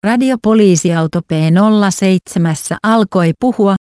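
A woman narrating a story aloud at a steady, unhurried pace, giving the characters their own voices. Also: mid-range voice, no room sound, studio quality.

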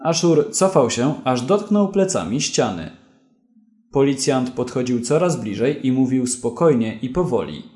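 A man narrating a story in a slow, deliberate, clear reading. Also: mid-range voice, big pitch swings, warm tone, echoey room.

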